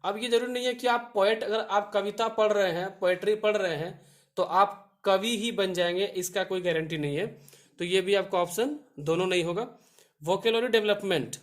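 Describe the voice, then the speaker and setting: High-voiced Hindi exam tutor. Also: male voice. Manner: explains step by step, reads English quiz options slowly. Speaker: teacher. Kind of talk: exam prep lesson.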